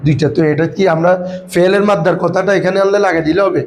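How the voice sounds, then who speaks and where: A man's voice: high voice, fairly even intonation, fast, slight background noise, low-quality recording. A man teaching Arabic grammar to a class, often quizzing his students and calling them "baba". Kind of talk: classroom lesson.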